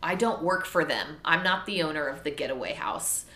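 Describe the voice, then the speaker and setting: A woman's voice: sits low, moderate pace, sharp tone. A young adult woman from Texas chatting frankly and casually to viewers, swearing freely and rambling as she goes. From Texas, USA. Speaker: vlogger. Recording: echoey room.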